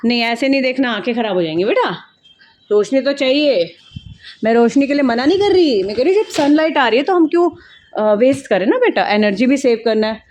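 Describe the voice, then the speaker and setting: A woman's voice: on the high side, lively intonation, a little fast, darkish tone. A woman mother vlogging at home, talking to camera in an emphatic, lecturing way and scolding her child now and then. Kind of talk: casual vlog talking to camera. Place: indoors at home.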